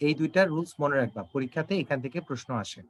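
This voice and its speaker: A young man with a somewhat high-pitched voice walks students through English exam questions. He explains each answer patiently and talks straight to the class. He slows right down when he reads the English sentences aloud. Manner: explanatory, addresses students directly, slow when reading English. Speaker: teacher. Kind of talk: exam-prep English lesson.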